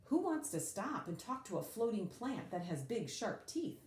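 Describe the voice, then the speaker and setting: Reading a children's picture book in a mid-range voice, a woman performs it expressively and dramatically. She leans on important words with drawn-out emphasis, and the sound is roomy.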